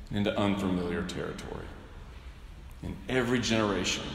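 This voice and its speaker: Bishop preaching in an echoing cathedral. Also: male voice, lowish voice, slight background noise. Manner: measured, with wry humor and rhetorical questions. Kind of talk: sermon. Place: large cathedral, indoors. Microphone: pulpit microphone. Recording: echoey cathedral with long reverb.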